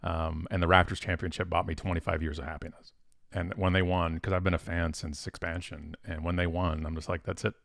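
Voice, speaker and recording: A man hosting a casual live-stream Q&A as a professional speaker. He talks in an animated, chatty way, with bursts of excitement and a lot of fillers and restarts. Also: deep voice, a little fast, gravelly, no room sound, clean studio sound.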